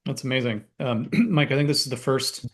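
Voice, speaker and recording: A man hosting a webinar panel over a video call, talking in a halting, filler-heavy way with friendly banter. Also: mid-range voice. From Canada. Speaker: webinar host.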